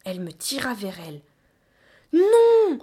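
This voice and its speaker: A woman narrates a children's story in a breathy, hushed voice. Her delivery is tense and close, often slipping toward a whisper. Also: mid-range voice, expressive, measured pace. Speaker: audiobook narrator. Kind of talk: scripted first-person narration.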